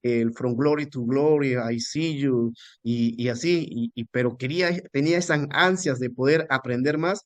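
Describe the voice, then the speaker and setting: A man, a pastor and missionary, telling a personal testimony with many restarts and lively quoting of his own words. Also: mid-range voice, no echo. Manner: halting with many restarts, animated quoting of himself. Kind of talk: storytelling testimony.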